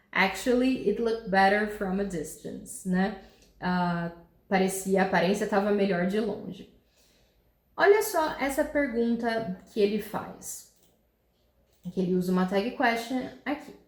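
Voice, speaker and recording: A woman's voice: mid-range voice, darkish tone. A woman with a mid-range voice gives an online English grammar lesson. She explains step by step and keeps checking that her students follow. The room around her voice sounds echoey. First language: Portuguese. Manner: reads English examples slowly and clearly. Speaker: English teacher. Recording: roomy echo.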